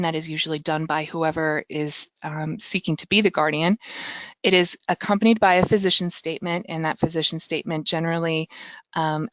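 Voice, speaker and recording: A woman's voice: low voice, no room sound. An American woman giving an informal presentation in front of an audience, speaking conversationally and addressing the listeners directly. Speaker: legal director and invited speaker. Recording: muffled, dry audio.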